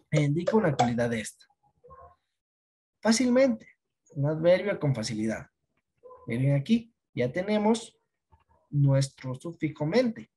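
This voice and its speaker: Patient, soft-toned teacher explaining grammar. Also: medium pitch, breathy edge. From Ecuador. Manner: explains patiently, asks checking questions. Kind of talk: online class lesson.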